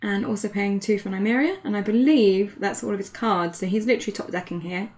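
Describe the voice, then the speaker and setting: A woman's voice: mid-range voice, fairly quick, darkish tone. Giggly woman commentating a card match. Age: 20s. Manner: giggly, chatty, laughs often. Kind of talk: casual live match commentary.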